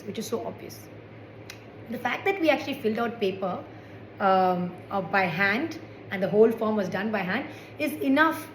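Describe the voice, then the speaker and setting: A woman in her forties from India doing a stand-up comedy set with wry, sarcastic asides. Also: fairly high pitch. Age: 40s. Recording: echoey room with faint background noise.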